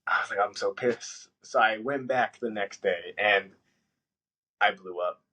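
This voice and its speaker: A man telling a story in casual podcast chat, swearing freely and jumping into high-pitched voices when he quotes himself. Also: unhurried, sharp tone, slightly rough, poor audio. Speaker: podcast host.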